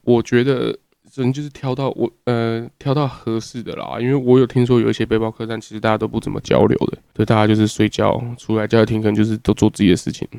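A man's voice: on the low side, flat delivery, fast talker, creaky, dark tone, smooth, no echo. A young man from Taiwan telling a crude, rambling casual story as a podcast host, swearing often.

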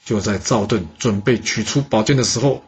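A man telling a history story in a lively, chatty way. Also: fairly low pitch, slight background noise. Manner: lively, chatty, drawn-out particles. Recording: dull lo-fi recording.

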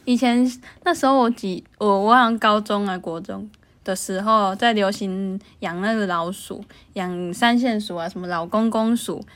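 A woman's voice: medium pitch, normal speed. A young woman with a Taiwanese Mandarin accent, chatting and telling a childhood story in a casual podcast. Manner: giggly, animated storytelling. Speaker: podcast co-host.

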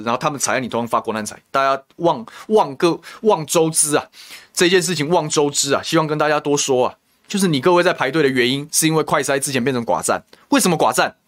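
A man with a Taiwanese Mandarin accent hosting a political talk show, venting in heated commentary full of rhetorical questions and insults. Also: on the high side. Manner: indignant, rhetorical, name-calling.

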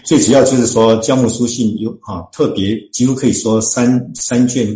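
A man, a church deacon and author, explains scripture in an interview, talking earnestly and slowly finding his words with many drawn-out fillers. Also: mid-range voice, steady tone, warm tone, echoey room, low-quality recording. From Chinese-speaking, living in Canada.

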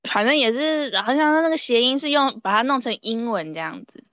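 A woman's voice: on the high side, animated, a little fast, fairly bright tone, no room sound. A woman with a Taiwanese Mandarin accent chatting casually as a podcast co-host, on a slightly lo-fi recording. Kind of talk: casual chat.

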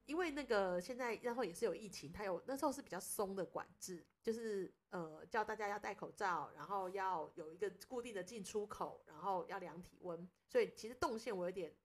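A young woman, hosting a podcast and telling a personal story in a casual, animated way, acting out what people said. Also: medium pitch, a little fast, hardly any pauses. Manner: animated storyteller, acts out quoted speech. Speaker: podcast host.

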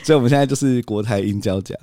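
A man co-hosting a casual podcast tells stories as a father about his toddler, acting out the child's replies and cries. He talks very fast in a mid-range, dark voice, recorded at studio quality with no echo.

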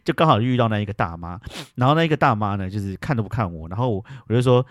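Brief: male podcast host, rapid lively storytelling on a dry close mic. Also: lowish voice, no room sound. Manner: animated, retells arguments with bursts of loud indignation. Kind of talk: casual storytelling.

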